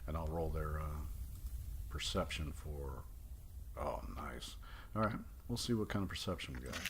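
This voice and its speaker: Game master, man, deep and lively, relaxed delivery with chuckles. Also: normal speed, background noise. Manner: laid-back, chuckling, thinking aloud. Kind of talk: narrating a tabletop game.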